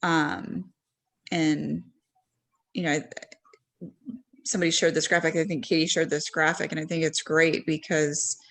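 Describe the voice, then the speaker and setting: A woman speaking as a parent on a discussion panel talks casually and conversationally, with lots of "um"s and thoughts that trail off at the end. Her voice is low and slightly bright.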